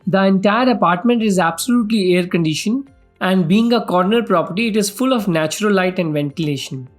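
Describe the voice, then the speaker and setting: A man's voice: high-pitched, a little fast. A man with an Indian accent giving a formal, scripted property tour as a vlog host, in a salesman-like way. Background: background music.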